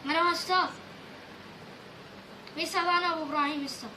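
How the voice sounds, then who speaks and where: Guy doing a nagging iraqi cartoon dad, sped-up squeaky voice, far from mic and noisy. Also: fairly even intonation, rapid-fire. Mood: flustered. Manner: scolding, badgering questions. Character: exasperated, scolding father of a naughty schoolboy. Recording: echoey, distant, noisy audio.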